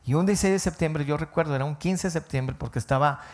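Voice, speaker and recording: A man's voice: fairly high pitch, fast. A man, a pastor preaching a sermon and telling a personal story with emotional rises and falls. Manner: emotional storytelling, voice rising and falling.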